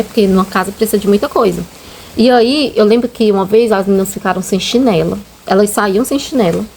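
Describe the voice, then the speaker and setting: A Brazilian woman speaks at medium pitch with a Brazilian Portuguese accent. A mother and channel host, she tells viewers her faith testimony in a casual storytelling way, emotional and earnest, and regularly calls them "gente."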